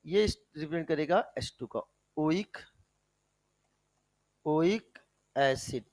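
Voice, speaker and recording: Brief: male chemistry tutor, high bright voice, lively lecture style, quizzes and scolds students. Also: takes it slowly. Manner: animated, fires rhetorical questions at students; calls students "beta", coaxing and scolding. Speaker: chemistry teacher. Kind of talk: energetic classroom lecture.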